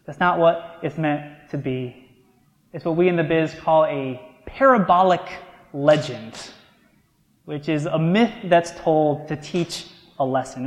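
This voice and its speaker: A man's voice: a little high, a little mellow. Preaching man in an echoey hall. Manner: conversational storytelling with slow emphatic stresses. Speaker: pastor. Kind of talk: sermon.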